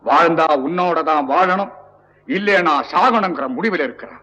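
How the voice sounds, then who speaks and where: A man's voice: on the high side, moderate pace, bright, forceful tone, highs cut off. An actor playing a domineering male maharaja who speaks in a commanding way. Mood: remorseful. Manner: commanding, imperious.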